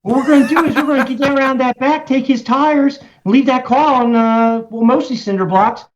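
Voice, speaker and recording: A man voicing a loud, scheming Baltimore hustler with an exaggerated Baltimore accent. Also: extremely high pitch, brisk, voice pushed up. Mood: brash.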